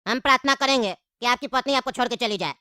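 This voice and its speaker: A woman's voice: on the high side, fast, pushed and bright, a little hiss or hum. A woman voicing a smug, scheming male hotel owner who fawns over customers. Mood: sly. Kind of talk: cartoon voice acting.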